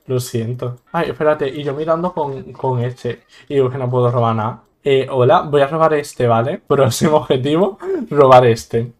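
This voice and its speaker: A man's voice: medium pitch, moderate pace. A man from Spain with a Spanish accent gives joking, exclamatory let's-play commentary on a game and laughs often. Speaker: gaming YouTuber.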